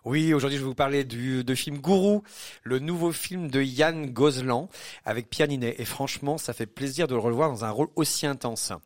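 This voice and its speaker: A man's voice: medium pitch, normal speed. A man reviewing a film on the radio, casual and chatty, with many fillers and easy laughs.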